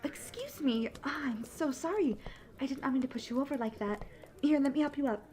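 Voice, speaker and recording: In a fantasy audio roleplay, a woman plays a cheerful, polite young travelling bard who chats brightly and directly to the listener, bubbly yet flustered and apologetic. Her voice sits high, fairly quick, and lightly acted.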